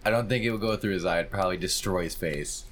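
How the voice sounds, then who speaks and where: A man's voice: deep voice, fast, fairly bright tone, a little hiss or hum. A young man from Michigan co-hosting a podcast, joking and swearing in casual chat. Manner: swearing, joking, laid-back. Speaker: podcast co-host.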